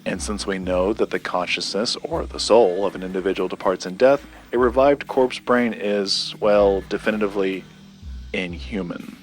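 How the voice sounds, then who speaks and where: In an audio drama, a man plays a secretive collector recounting a dark local legend. His low voice is deliberate and measured, lightly acted, with pauses for effect over underlying music, and the mood is grave and mysterious.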